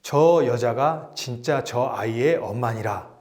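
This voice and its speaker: A man voicing a wise old king who hands down his judgment slowly and solemnly. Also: medium pitch, a little mellow, natural voice. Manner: slow solemn pronouncements.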